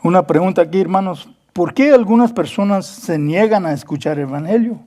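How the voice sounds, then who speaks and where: A man's voice: high voice, a little fast, mellow. A man preaching a Bible study sermon as pastor, earnest, repeating words and acting out quoted dialogue, slipping between Spanish and English.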